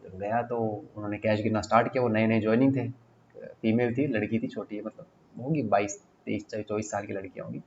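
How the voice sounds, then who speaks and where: A man's voice: lowish voice, fairly even intonation, brisk, a little mellow. A young man, an exam coaching teacher, talking casually in an online class, telling stories and repeating himself as he explains. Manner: chatty storytelling, mixing English phrases, repeats himself. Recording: slightly dull audio with faint noise.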